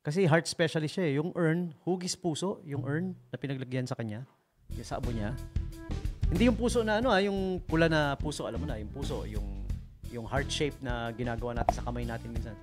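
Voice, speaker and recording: A man's voice: mid-range voice, lively intonation, brisk. A man hosting a radio show, telling jokes in a playful, teasing way and chatting with listeners. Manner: playful, teasing joke-teller who chats with listeners. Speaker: radio DJ host. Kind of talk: joking storytelling on late-night radio. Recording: radio broadcast with a music bed.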